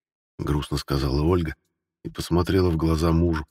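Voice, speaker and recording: A male audiobook narrator reading in a measured, even manner. His voice is very deep and husky, and a long reverb trails each line. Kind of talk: scripted narration.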